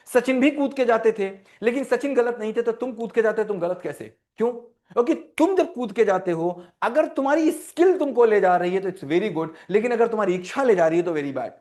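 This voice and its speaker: A man with a high voice gives a motivational talk to teenagers. He is animated and repeats key lines over and over to drive them home, slipping between Hindi and English. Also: a little fast, few pauses. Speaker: parenting mentor and life coach. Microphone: online session.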